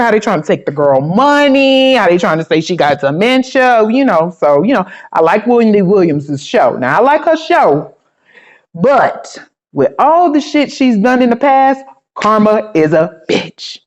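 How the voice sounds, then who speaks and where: A woman's voice: on the high side, very animated, normal speed. A woman with a New York accent hosting a casual talk show, blunt, gossipy and profane. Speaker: host. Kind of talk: casual opinion chat. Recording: dull lo-fi sound.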